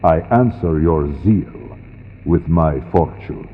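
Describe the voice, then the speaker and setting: A man voicing Count Dracula as a grave, commanding, menacing aristocrat, slow and deliberate, in a gothic audiobook. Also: a bass voice, lively intonation, full character voice. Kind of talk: gothic audiobook character reading. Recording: long cavernous reverb, lo-fi computer mic, noisy.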